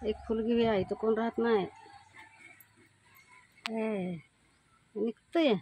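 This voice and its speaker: High-voiced woman vlogging outdoors. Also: fairly even intonation, takes it slowly, husky. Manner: calls out loudly to cats and hens, chats with neighbours. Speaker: village vlogger. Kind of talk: casual walking vlog narration. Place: outdoors in a village lane.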